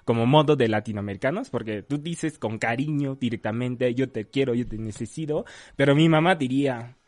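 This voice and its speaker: A man from China speaking Spanish with a Chinese accent as a non-native speaker, chatting casually as a guest, hesitant with many fillers and quick laughs. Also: medium pitch, a little mellow. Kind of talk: casual chat.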